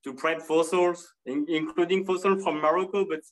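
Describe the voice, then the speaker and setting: A man's voice: on the high side, steady tone, normal speed, low-quality recording. A native French-speaking man with a French accent, casually commenting as a fossil preparator on a video call from his apartment. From France. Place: apartment, indoors.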